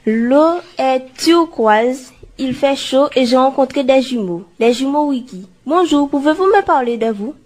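A woman's voice: high-pitched, lively intonation, moderate pace, hardly any pauses, a little mellow. A woman playing a laid-back reporter on a sunny beach, chatting leisurely in an amateur radio skit.

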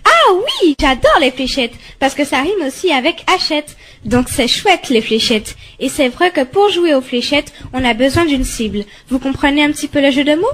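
A woman's voice: high-pitched, normal speed, lightly acted. A woman playing an ad-obsessed gushing wife. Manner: pushy, gushing sales talk. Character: ad-obsessed chatty immigrant wife. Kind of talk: amateur radio-skit acting.

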